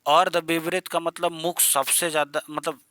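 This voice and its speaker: Bright-voiced male teacher, chatty lesson. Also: on the high side, level tone, normal speed, dry recording. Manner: chatty, addresses students as "beta" and "yaar". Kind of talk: exam-prep grammar lesson.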